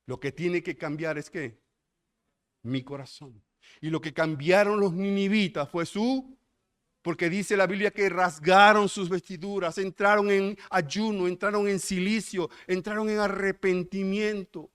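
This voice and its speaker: High-voiced Mexican pastor preaching. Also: male voice, steady tone, unhurried, fairly bright tone, clear, resonant tone. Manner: emphatic, rhetorical questions to the congregation. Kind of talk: sermon.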